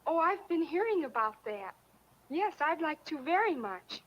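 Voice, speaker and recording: A woman's voice: high-pitched, big pitch swings, moderate pace, lo-fi sound. A woman acting a polite, agreeable young American in a 1950s educational film, speaking in a prim, courteous way. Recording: noisy old film soundtrack.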